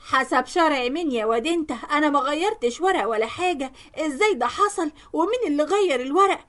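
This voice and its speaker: A woman's voice: high voice, expressive, fast talker, a bit bright, voice pushed up. A woman voicing a scheming, greedy older Egyptian mother-in-law who cries out indignantly. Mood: shrill outrage. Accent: Egyptian Arabic.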